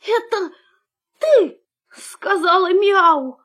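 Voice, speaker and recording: A woman voicing a small, curious young male puppy in a storybook tale, eager and quick to turn tearful when frightened. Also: extremely high pitch, animated, fairly bright tone, pitched above the performer's own voice, full character voice. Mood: scared.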